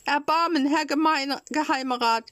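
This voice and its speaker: A woman doing Pinocchio, high and pleading. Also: lively intonation, normal speed, a bit bright, no room sound, natural voice. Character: wooden puppet boy, small, pleading and proud.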